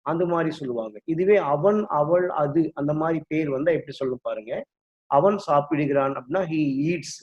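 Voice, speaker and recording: Male English tutor, patient drill style, raised pitch, dull lo-fi audio. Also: a little fast. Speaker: English teacher. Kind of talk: classroom explanation in Tamil with English drills. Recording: dull lo-fi recording.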